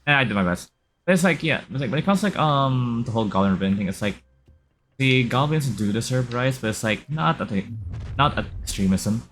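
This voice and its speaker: A man streaming a video game live, commenting casually in a relaxed, rambling way with many fillers. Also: medium pitch, brisk, slight background noise.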